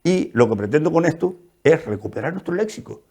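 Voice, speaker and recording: A man's voice: fairly high pitch, animated, fairly quick, darkish tone. A man from the Canary Islands with a Canarian accent, an author being interviewed on a television program, who tells stories with animation and acts out the voices he quotes. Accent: Canarian Spanish. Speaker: author guest. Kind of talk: interview conversation. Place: TV studio.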